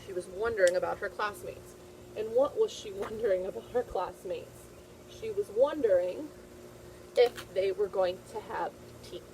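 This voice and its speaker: A woman teacher reads aloud from a picture book to young children, repeating questions and answers with encouragement and praise. Her mid-range voice is a little mellow and moves at a moderate pace, on a low-quality recording with slight background noise.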